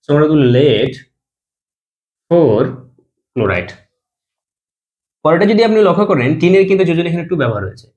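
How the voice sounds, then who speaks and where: A man's voice: fairly high pitch, sing-song, brisk, long pauses, a little mellow, dull audio. A man teaching a chemistry lesson, explaining step by step and answering his own questions, dropping his voice at the end of each compound name.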